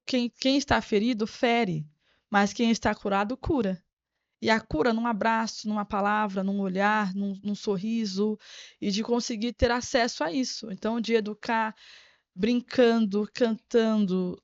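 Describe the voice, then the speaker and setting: A woman's voice: mid-range voice, dry recording. A woman guest on a podcast interview, an educator speaking in an earnest, reflective way and repeating words as she thinks. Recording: dry, slightly dull sound.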